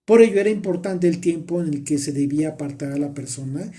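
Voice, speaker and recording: A man's voice: fairly high pitch, fast talker, warm tone. A man teaching a Bible study, reading scripture aloud and explaining it, often restarting his phrases.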